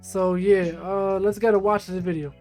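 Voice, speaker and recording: A man's voice: high voice, fairly even intonation, moderate pace, darkish tone, soft background music. A man hosting a reaction video, talking loosely and casually with lots of "like" and "uh". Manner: loose and conversational, many fillers like "like" and "uh".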